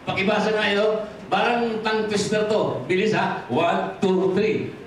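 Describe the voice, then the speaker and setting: A Filipino pastor delivers a sermon, his fairly high voice mixing in English and prompting the congregation for amens. He lifts his voice for emphasis and sinks low and soft at the end of each point. The sound is heavily echoey, picked up from across a large hall with faint noise underneath. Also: fairly even intonation, unhurried, far from the mic. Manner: drops low and quiet at ends of points. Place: church hall.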